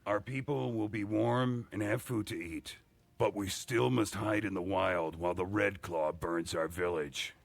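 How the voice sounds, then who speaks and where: A man's voice: on the low side, steady tone, measured pace, gravelly. An actor playing a weary male village leader in hiding in a video game, speaking with grave earnestness. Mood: solemn. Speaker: game character.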